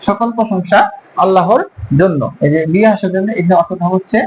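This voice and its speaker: Male teacher, high voice, drawn-out syllables for drills, faint hiss on the track. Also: rough recording. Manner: slow, careful, drawn-out syllables when modelling sounds. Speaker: Arabic teacher. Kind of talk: pronunciation lesson.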